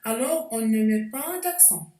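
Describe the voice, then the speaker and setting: A woman's voice: fairly high pitch, lively intonation, warm tone, echoey room, distant mic, slight background noise, low-quality recording. A woman teacher giving a spelling lesson, explaining step by step with frequent hesitations. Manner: slow, deliberate explanations with hesitations.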